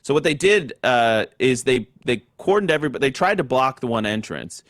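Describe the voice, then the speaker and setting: A man's voice: mid-range voice, very animated, brisk, a bit bright, dry recording, clean studio sound. A man hosting a political talk show, giving commentary and putting questions to guests.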